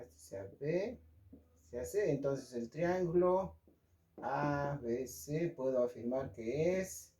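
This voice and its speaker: A man's voice: a little high, warm tone. A man teaching a casual online math lesson, joking and checking in with his students as he draws. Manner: chatty, jokey, asks "¿sí?" and "¿ok?" to check in.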